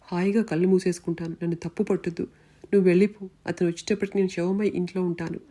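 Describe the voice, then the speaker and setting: A woman's voice: fairly low pitch, level tone, fast, mellow, close to an everyday voice. A woman voicing a grief-stricken young wife who pleads in a tearful, despairing way, in a storybook reading.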